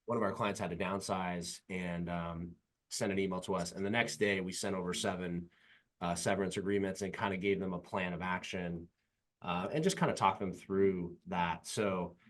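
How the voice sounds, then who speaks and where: A man with a fairly low voice and a SoCal-style Californian accent talks as a podcast host. His delivery is casual and enthusiastic, wandering through his thoughts as he interviews.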